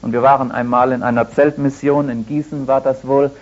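A man's voice: mid-range voice, flat delivery, a little fast. Older man preaching, dull radio sound. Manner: conversational, anecdotal preaching with gentle humor. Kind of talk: sermon.

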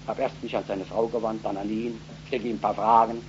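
Fervent German preacher on a dull old recording. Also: male voice, lowish voice, flat delivery, brisk, background noise. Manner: fervent, bursting into loud emphatic peaks; repeats words and phrases. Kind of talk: live revival sermon. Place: revival meeting in front of a congregation.

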